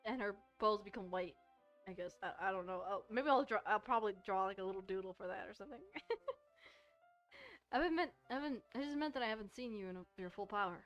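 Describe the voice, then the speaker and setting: Her mid-range voice is animated, brisk, and slightly bright as she plays through a visual novel on stream. She drifts between loose, joking banter and read-aloud passages, with music running in the background.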